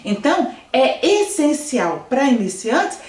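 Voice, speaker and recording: Her high voice moves at a slow pace as this Brazilian French teacher conducts an online language lesson from a room in front of a screen. She's lively and quizzes her students often to see if they're following along. The room is echoey, she's recorded from a distance, and faint music plays behind her.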